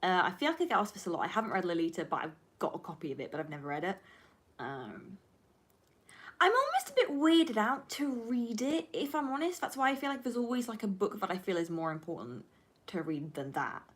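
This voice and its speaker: With big pitch swings in a mid-range, slightly rough voice, she talks a little fast while answering questions on her livestream. She is in her twenties, a native Flemish Dutch speaker and film student, and her casual chat is rambling, frank, full of swearing and emphatic.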